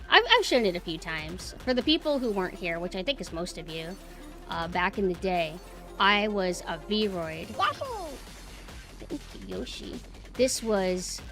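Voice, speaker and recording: A woman with a mid-range voice chats casually as a live streamer. Her talk rambles informally as she thinks out loud. Music plays behind her. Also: mid-range voice. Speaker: streamer, VTuber host. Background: background music.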